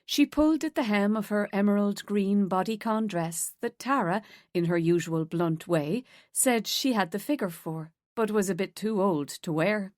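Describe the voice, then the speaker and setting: A woman's voice: medium pitch, dry recording, clean studio sound. Woman narrating a thriller. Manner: steady, measured storytelling. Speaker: audiobook narrator. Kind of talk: scripted narration.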